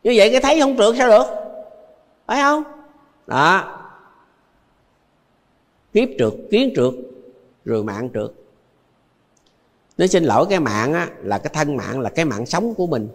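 A man's voice: a little high, sing-song, normal speed, long pauses, big-room sound. An older man with a Southern Vietnamese accent, a Buddhist monk giving a dharma talk full of anecdotes, who chuckles often and repeats phrases for emphasis.

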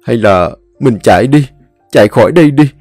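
A man's voice: medium pitch, animated, moderate pace, warm tone, dry recording, soft background music, voice pushed up, close to an everyday voice. A man voicing a terrified young man who pleads to flee a curse. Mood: panicked pleading. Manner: pleading, panicky.

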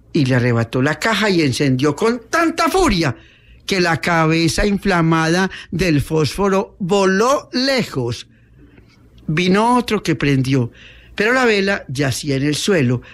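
A man reading a classic novel aloud in a lively, expressive way, with chatty asides to his listeners. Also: on the high side.

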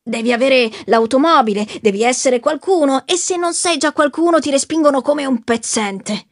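A woman's voice: sits high, normal speed, natural voice. A woman reading the part of a brooding young man who wants to be an actor, in a sulky, bitter voice. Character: brooding young male would-be actor, resentful. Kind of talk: audiobook reading.

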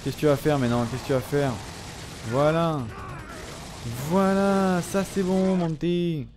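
A young man giving casual gameplay commentary, excitable, swearing and trash-talking enemies. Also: fairly high pitch, unhurried, background noise. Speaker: let's play commentator.

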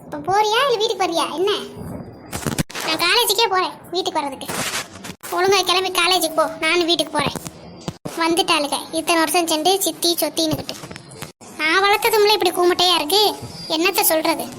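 A woman voicing a stern, sharp-tongued middle-aged mother in a cartoon, talking in a harsh, bossy scolding manner. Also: extremely high pitch, brisk, pauses often, slight background noise. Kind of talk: cartoon dialogue acting.

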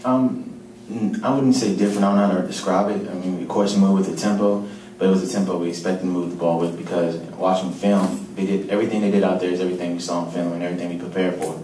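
A man answering questions after a game in a low-key, matter-of-fact way. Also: steady tone, quick pace, few pauses, dark tone, slight background noise. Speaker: football player at a postgame press conference. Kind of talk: postgame press conference answers. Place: large press room. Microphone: table mic, heard from a distance. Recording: roomy, distant press room audio.

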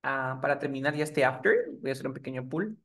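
A man's voice: medium pitch, lively intonation, fast talker, a bit bright. A man teaching English in a live online class, often asking the students if they are following. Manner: asks the class frequent checking questions.

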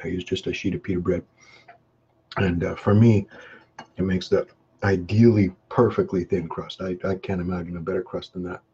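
Deep-voiced man chatting on webcam. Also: warm tone, slightly rough. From Canada. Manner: chews and hums between short remarks. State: sweating from hot peppers. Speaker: hot sauce vlogger. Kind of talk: casual live-stream chat while eating. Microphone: webcam mic. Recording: dull low-fi webcam audio with faint noise.

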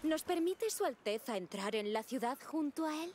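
Gentle, high-voiced teenage big sister. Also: female voice, expressive, moderate pace, a little hiss or hum. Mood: relieved, teasing. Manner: gentle, teasing. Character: warm, protective teenage big sister in medieval Provence. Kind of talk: video game dialogue.

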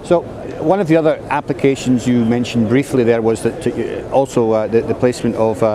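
A middle-aged man interviewing at a trade show, talking in halting restarts with many fillers. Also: medium pitch, steady tone. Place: busy trade show floor, indoors. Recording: crowd noise. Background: crowd chatter.

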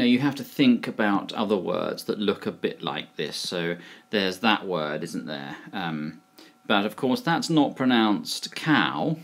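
A man with a British accent giving a casual pronunciation lesson, hesitant and full of fillers, slowly modelling a word. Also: sits low. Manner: hesitant, many fillers, slow deliberate modelling of words. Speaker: pronunciation teacher.

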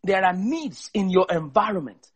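A man preaching fervently as a guest, repeating words in quick bursts and firing rhetorical questions. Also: sits high, expressive, slight background noise.

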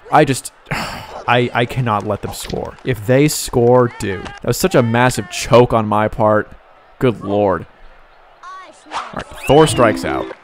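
A young man commenting live on his own video game play, excitable, with sighs and sudden outbursts. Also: medium pitch. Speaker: gaming YouTuber.

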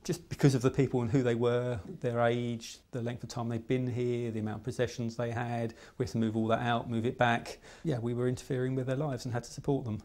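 A middle-aged English man talks through a project in a documentary interview. His delivery is measured and explanatory, recorded indoors in a quiet room. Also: mid-range voice, little pitch movement. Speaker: project manager.

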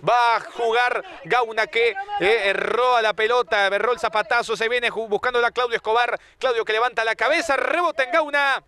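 A man's voice: very high voice, steady tone, moderate pace, hardly any pauses, crowd noise. A man calling a football match live, play by play.

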